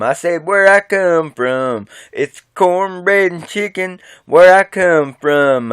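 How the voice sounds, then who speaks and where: A man's voice: a little high, smooth, no room sound. A man from West Virginia with an Appalachian accent, singing a country song cover at home and chatting folksily between verses. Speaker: amateur singer.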